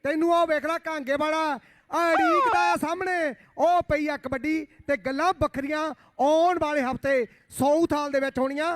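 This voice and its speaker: Guy doing live kabaddi commentary, really high voice, chanty and exclamatory, dry close mic. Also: fairly bright tone, no echo. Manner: exclamatory, chanting, drawn-out phrases.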